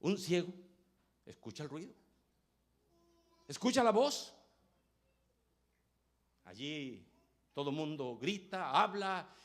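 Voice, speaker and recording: A man preaches a sermon with fervor. His voice sits somewhat high and moves through a very wide pitch range, surging to loud peaks and falling to hushed phrases. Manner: impassioned, swings between loud peaks and hushed low phrases. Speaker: pastor.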